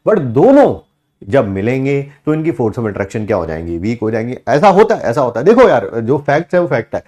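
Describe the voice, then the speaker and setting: A man's voice: mid-range voice, moderate pace. A male teacher giving a classroom lecture, joking and quizzing his class. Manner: animated, jokey, asks class questions.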